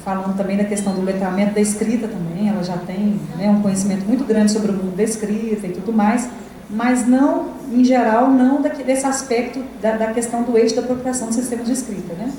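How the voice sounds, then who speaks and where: A middle-aged Brazilian woman with a Brazilian Portuguese accent lectures teachers at a university lecture hall, speaking casually with many tag questions and fillers. Her medium-pitched voice is steady, fast and dark, recorded distant in an echoey hall with faint noise.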